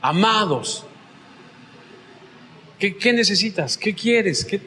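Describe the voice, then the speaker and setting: A man preaching a sermon as pastor, telling Bible stories with lively energy and acting out the scenes. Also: sits high, slow, roomy sound, long reverb tail, a little hiss or hum. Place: church.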